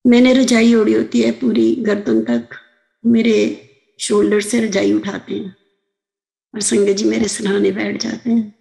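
A woman's voice: mid-range voice, lively intonation, unhurried, creaky, dark tone, poor audio. An older woman earnestly telling a devotional story on a video call, often addressing the listeners as sangat ji. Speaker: satsang speaker.

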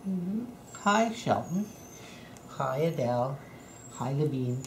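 A woman's voice: a bass voice, animated, slow. A woman talking sing-song baby talk to her puppies at home, greeting each one by name as she films. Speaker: dog breeder filming her puppies. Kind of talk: cooing at puppies, casual home video. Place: indoors at home by a puppy pen. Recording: roomy room, faint background hiss.

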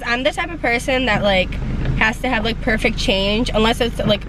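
Chatty high-voiced young woman vlogger. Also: moderate pace, very noisy. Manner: chatty, says "like" and "you guys" a lot. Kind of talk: casual chat to camera. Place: in her car, driving around town.

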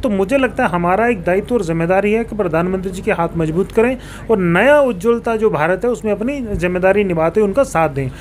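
In a small office, a man sitting on a sofa speaks as a local politician in an interview, explaining things formally and dropping in English terms. He has a high-pitched, animated voice, talking fast with few pauses. A handheld reporter mic is held toward him, and background room noise is clearly audible behind him.

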